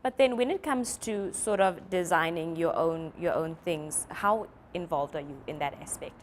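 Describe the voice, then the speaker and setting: A woman's voice: on the low side, normal speed, slight background noise. A woman interviewing a designer, asking questions and encouraging him with frequent yeahs. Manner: encouraging, frequent "yeah" backchannels.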